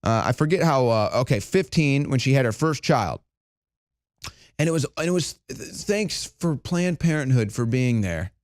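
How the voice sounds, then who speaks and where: A man delivering opinionated news commentary, indignant and sarcastic, rising to loud emphatic peaks. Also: medium pitch, lively intonation, moderate pace, no echo, clean studio sound.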